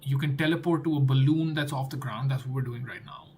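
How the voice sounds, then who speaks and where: A young game developer who isn't a native English speaker talks to himself as he works through game code in a think-aloud coding vlog, repeating words and trailing off. He speaks fast in a mid-range, slightly mellow voice, with a bit of hiss or hum.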